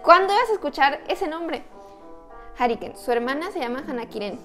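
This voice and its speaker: A woman's voice: high-pitched, lively intonation, brisk, over music. A woman with a Mexican accent, co-hosting a podcast and telling stories in a chatty, slangy way. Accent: Mexican Spanish. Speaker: podcast co-host. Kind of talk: casual chat.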